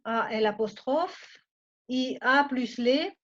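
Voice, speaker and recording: A woman's voice: high voice, expressive, takes it slowly. A woman with a Mexican accent teaching a French class in Spanish, often checking that students follow. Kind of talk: online class lecture. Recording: muffled lo-fi audio.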